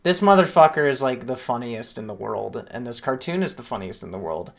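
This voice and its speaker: A woman hosting an animation festival livestream, chatting casually, excited and often swearing. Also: a bass voice, brisk, vocal fry. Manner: excited, laughing, profane.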